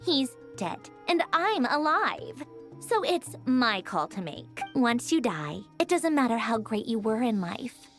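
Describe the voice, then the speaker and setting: Haughty, icy commander. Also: female voice, fairly high pitch, sing-song, unhurried, soft background music. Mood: scornful. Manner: dismissive, clipped, scornful. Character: cold, haughty woman commander in a fantasy army. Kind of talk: video game cutscene voice acting.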